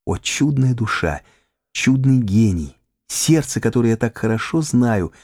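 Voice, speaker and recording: A playful, adoring young woman, as a male audiobook narrator puts her on, her voice lifted high and lilting, soft and eager, swooping widely through each line. The sound is dry and close. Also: animated, unhurried, no room sound. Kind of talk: audiobook character reading.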